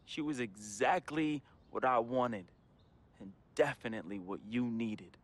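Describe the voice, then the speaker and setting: A troubled young man's farewell letter, confessional and laced with casual slang, is read by an actor in a game's studio voice-over. His mid-range voice is unhurried and close to an everyday voice, and the emotional monologue is heartfelt and somber.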